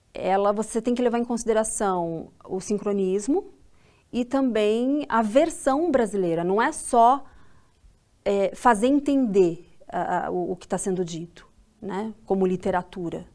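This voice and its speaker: A woman with a Brazilian accent gives firm opinions in a documentary interview. She explains her points plainly and directly, in a middle-pitched voice. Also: measured pace, darkish tone. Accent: Brazilian Portuguese. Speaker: dubbing professional.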